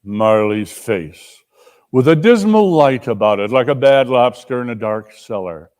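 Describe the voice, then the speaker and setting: A man narrating a classic story in a deliberate, suspenseful dramatic reading. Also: mid-range voice, expressive, darkish tone, clear, resonant tone. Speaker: narrator and performer.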